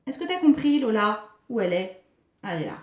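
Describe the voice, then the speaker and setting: A woman preschool teacher giving a recorded lesson for young children, speaking slowly and articulating each syllable with care. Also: on the high side, big pitch swings, darkish tone. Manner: slow, carefully articulated, scanning syllables. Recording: roomy echo.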